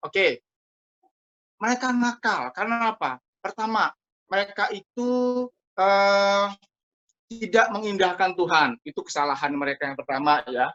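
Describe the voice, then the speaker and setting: A man teaching a Sunday school Bible story to children in a lively, chatty way, talking to them directly over a video call. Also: high voice, measured pace, pauses often. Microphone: computer mic over a video call. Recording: muffled lo-fi video call audio.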